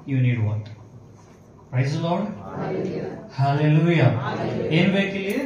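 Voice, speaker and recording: A man's voice: high voice, heavy reverb, distant mic, muffled recording, noisy background. A male pastor preaching a sermon, asking his congregation questions and answering them himself. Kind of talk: bilingual sermon.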